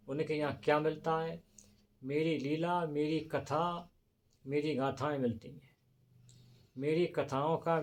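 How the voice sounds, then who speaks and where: A man's voice: on the high side, darkish tone. A man narrating a scripture story in a devotional sermon style, dramatic and storytelling. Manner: dramatic, voices emotional quotes within the story; devout greetings, storytelling cadence.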